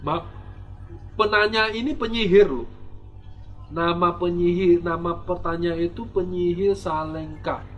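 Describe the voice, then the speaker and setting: A high-pitched male monk preaching in a lively, teasing way, firing rhetorical questions and stumbling into restarts. Soft music sits faintly behind him. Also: measured pace, pauses often, muffled recording. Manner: frequent restarts and repeated words. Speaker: Buddhist monk teaching dharma. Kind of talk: dharma talk answering viewer questions.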